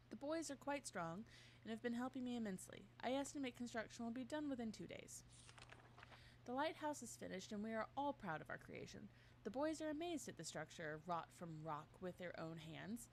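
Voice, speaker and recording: A woman's voice: medium pitch, slight background noise. A woman reading an in-game journal aloud in a mock-formal way during a casual game stream with a friend. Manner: reads text aloud with mock-formal delivery, breaks into laughs and chat. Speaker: co-host playing a game.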